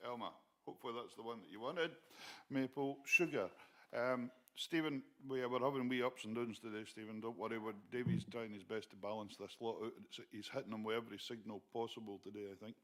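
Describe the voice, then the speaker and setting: A man's voice: mid-range voice, fairly even intonation, a little fast. A man with a Shetland Scottish accent, chatting casually to online viewers as host of a music session.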